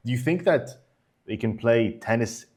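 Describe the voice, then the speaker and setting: A man's voice: mid-range voice, expressive, normal speed, darkish tone, breathy edge. A man hosting a podcast, putting loose, filler-heavy questions to a guest in a casual interview. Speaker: podcast host.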